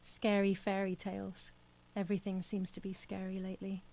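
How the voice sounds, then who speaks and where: An actress voicing a young woman grieving her lost twin sister, narrating her thoughts quietly in a game voice-over with a husky, gravelly voice. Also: mid-range voice, monotone, normal speed, a little hiss or hum, lightly acted, poor audio. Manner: quiet, reflective inner monologue.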